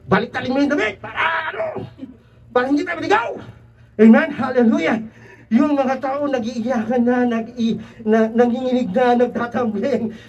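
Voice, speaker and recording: A man preaching an animated sermon who keeps calling "Amen?" to the congregation and mixes in English phrases. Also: high voice. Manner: mixes English into his talk. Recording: distant, dull church recording.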